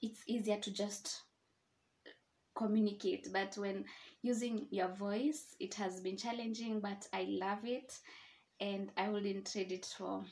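A woman's voice: medium pitch, steady tone, unhurried, darkish tone, slight background noise. A woman in her twenties with a Kenyan accent, introducing herself in an informal, chatty, slightly hesitant way as a podcast host. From Nairobi, Kenya. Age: 20s. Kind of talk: casual personal introduction.

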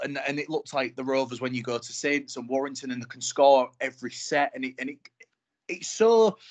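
Animated man talking rugby. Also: medium pitch. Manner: animated, frustrated fan talk. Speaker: rugby league podcast co-host. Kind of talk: casual sports chat.

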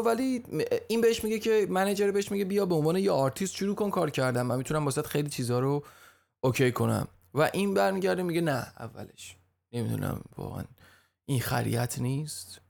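Podcast guy with a gravelly voice, chatty storytelling, keeps stumbling n restarting. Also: a little high, a little mellow. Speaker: podcast host.

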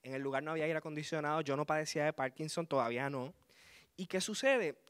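Bright-voiced man testifying. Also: fairly high pitch, quick pace, smooth. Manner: lively storyteller, chuckles as he talks. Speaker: speaker giving a testimony. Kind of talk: spoken testimony to a congregation.

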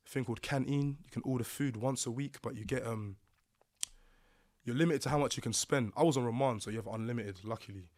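A man with a London accent tells a personal story in a casual podcast setting. His delivery is roadman street talk, thick with slang, and his voice sits at a medium pitch. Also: quick pace, darkish tone. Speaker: podcast guest.

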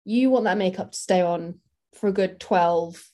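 A woman's voice: on the low side, normal speed, mellow. A woman, a makeup artist, talking casually and practically in an interview, with many fillers.

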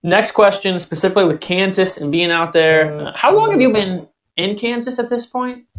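A man's voice: high-pitched, expressive, normal speed, a bit bright. Rambling young male podcast host. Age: 20s. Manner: rambling, filler-heavy questions. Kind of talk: casual interview chat.

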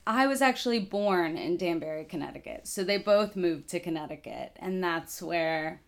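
A woman's voice: on the low side, animated, moderate pace. A young woman in her twenties from Texas, a guest in a casual interview, telling her family story in a rambling, chatty way.

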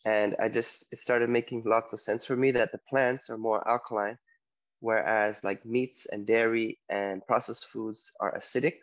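A man's voice: fairly low pitch, fairly even intonation, normal speed, muffled recording. A man from Canada, a guest health coach, talking casually and loosely with many fillers over a video call. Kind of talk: casual interview talk. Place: home on an island in Spain.

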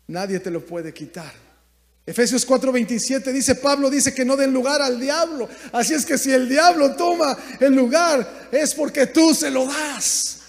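A man preaching a sermon as pastor, in impassioned bursts that drop to quiet asides. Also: very high voice. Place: church sanctuary. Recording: long hall reverb.

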